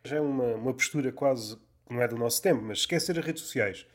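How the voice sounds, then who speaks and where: A man's voice: mid-range voice, quick pace. A man in casual conversation, thinking aloud in colloquial language. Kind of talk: casual chat.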